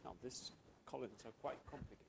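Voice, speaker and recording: A man's voice: medium pitch, fairly even intonation, vocal fry, very noisy. Man moderating a conference Q&A. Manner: brisk, inviting questions. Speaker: session moderator.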